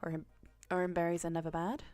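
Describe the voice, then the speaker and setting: A woman's voice: lowish voice, little pitch movement, fast, a little mellow. A woman livestreaming a game from home, chatty and bubbly, thinking aloud and greeting her viewers in the chat. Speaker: livestreaming gamer. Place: at home with a cat on her lap. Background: faint game music.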